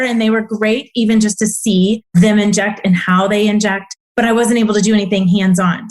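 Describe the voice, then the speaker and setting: A woman physician as a podcast guest, telling her stories in an animated, emphatic way. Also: mid-range voice. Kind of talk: casual interview conversation.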